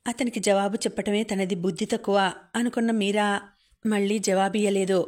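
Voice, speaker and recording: Woman, audiobook narrator, steady monotone delivery, mid-pitched, calm storytelling. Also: normal speed. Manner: calm, even storytelling, quoting characters without acting them. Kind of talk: scripted novel narration.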